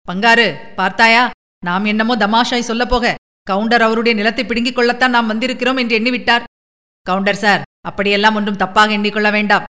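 A woman voicing a smooth-talking male film promoter who speaks persuasively and glibly, in a storybook reading with a long reverb. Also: on the high side, flat delivery, pushed and bright. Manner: persuasive, glib and quick.

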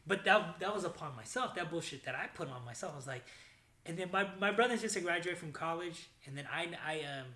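A man in his thirties hosting a casual chat, telling stories in a chatty, animated way. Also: on the high side, fast talker, echoey room. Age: 30s. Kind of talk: casual conversation.

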